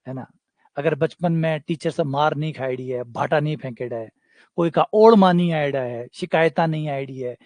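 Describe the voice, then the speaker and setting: A man's voice: a little high, no echo. A man with a Rajasthani accent teaching a maths coaching class, chatty and joking, slipping into local dialect. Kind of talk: online exam coaching class.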